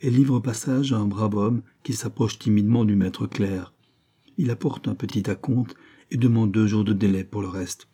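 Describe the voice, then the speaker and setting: Male audiobook narrator, low-pitched, very dark and husky, measured literary reading. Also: steady tone.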